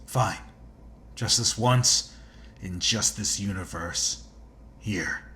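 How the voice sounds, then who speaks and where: An actor playing a cynical, self-assured veteran hunter in a video game, speaking in a dry, sardonic and menacingly casual way. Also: male voice, fairly low pitch, takes it slowly, bright, forceful tone. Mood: weary, wry.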